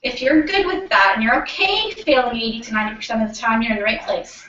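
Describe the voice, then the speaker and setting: Presenting at a company team meeting, this Canadian woman talks fast in a fairly high, sharp-toned voice with wide swings in pitch. Her motivational talk is informal and enthusiastic, full of questions for the listeners gathered live in a room of a house. The audio is a noisy live feed, distant, roomy and dull.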